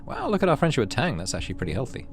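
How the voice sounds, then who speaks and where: A gaming channel host races through a playthrough, his mid-range voice swinging wildly in pitch as he mixes casual commentary with story narration read aloud. Game music plays behind him.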